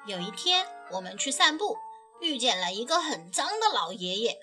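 A woman reading a children's picture book aloud with expressive, lilting storytelling. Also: on the high side, moderate pace, music in the background.

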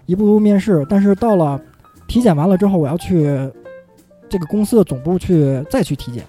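A man's voice: high-pitched, brisk, mellow. A man with a Beijing accent, casually telling stories in colloquial speech as an interview guest. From Beijing, China. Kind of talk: casual conversational storytelling. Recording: faint music behind. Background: faint music.

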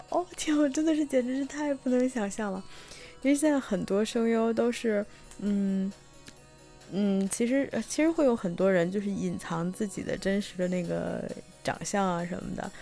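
A young woman from Tianjin, chatting through a personal story with many fillers and restarts, sometimes bursting with excitement. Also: mid-range voice, gravelly. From Tianjin, China. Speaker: vlogger telling a personal story. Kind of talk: casual storytelling monologue.

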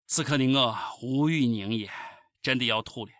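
A woman's voice: a bass voice, normal speed, heavy background noise. A woman with a Shaanxi accent hosting a comic radio show in dialect, with a cheeky, theatrical, exclamatory delivery. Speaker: radio host. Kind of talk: comic scripted commentary in dialect.

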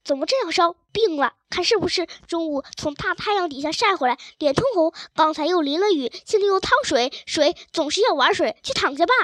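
Storybook part: a worried, fussing mother read by a woman, high voice, dry sound. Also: lively intonation, fairly quick, few pauses, no echo. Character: worried caring mother, scolding softly.

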